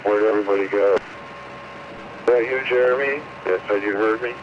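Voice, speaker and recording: A man's voice: on the low side, fairly even intonation, a little fast, muffled recording, noisy background. A man chatting casually on an amateur radio net. His voice comes through robotic and metallic over the digital link, with loose, filler-heavy talk. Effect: robotic, metallic digital radio audio.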